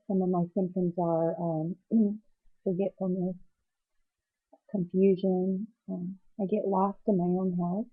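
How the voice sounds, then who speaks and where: Teary, halting woman, muffled recording. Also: lowish voice, little pitch movement, slightly rough. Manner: teary, emotional, as after crying; halting, hesitant, searching for words. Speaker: patient vlogger. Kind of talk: personal video diary, confessional talk.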